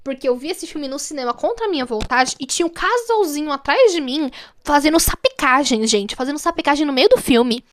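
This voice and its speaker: Brief: Brazilian woman vlogger, high voice, animated and slangy, wry film-recap storyteller. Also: a little fast. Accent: Brazilian Portuguese. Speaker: film reviewer. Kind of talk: casual film recap vlog.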